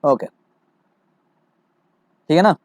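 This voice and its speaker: A man's voice: extremely slow, dry recording. A male physics teacher working through a problem for students, repeating his checks, asking rhetorical questions and mixing in English terms. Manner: mixes English terms into Hindi.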